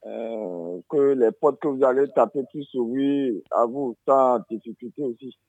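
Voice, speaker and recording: A man's voice: medium pitch, measured pace, a little mellow, dry recording. Man, radio caller, phone line, dry, courteous. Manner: formal, courteous well-wishing. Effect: phone call line.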